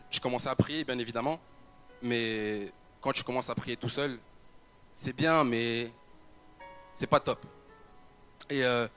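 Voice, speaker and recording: A man's voice: medium pitch, fairly bright tone. Young man telling his story. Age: young adult. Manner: storytelling with repetitions and fillers. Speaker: church member giving a testimony. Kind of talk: personal testimony told to an audience.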